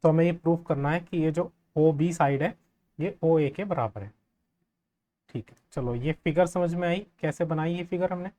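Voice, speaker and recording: A man's voice: fairly high pitch, warm tone. Friendly man teaching a maths lesson. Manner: friendly, asks the class quick checking questions. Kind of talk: step-by-step geometry lesson.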